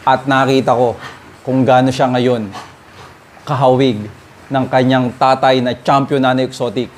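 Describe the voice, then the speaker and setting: A man's voice: medium pitch, level tone, a little slow, a little hiss or hum. A man, a dog breeder chatting casually to viewers at his home kennel, often calling out "guys" and pointing things out. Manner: chatty, addresses viewers directly, frequent "guys" and "oh". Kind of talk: casual vlog talk to viewers. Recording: music bed under voice. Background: music playing.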